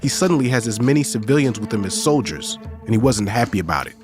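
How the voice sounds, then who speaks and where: A man's voice: lowish voice, very animated, fast talker, music in the background. A man co-hosting a podcast, reading scripted narration about history.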